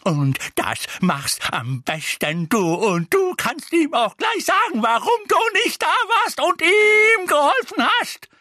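A man voicing a shrill, bossy old woman neighbour who screeches and scolds in an audiobook. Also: very animated, normal speed, husky, dry recording, clean studio sound, full character voice. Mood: furious shrieking.

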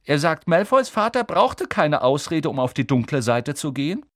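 A sulky schoolboy grumbles in a gruff, mid-height voice, as a male narrator puts him on. It sounds dry and close, like a studio audiobook. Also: on the high side, sing-song, normal speed, fairly bright tone, dry recording, pitched above the performer's own voice. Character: gloomy freckled schoolboy from a poor family.

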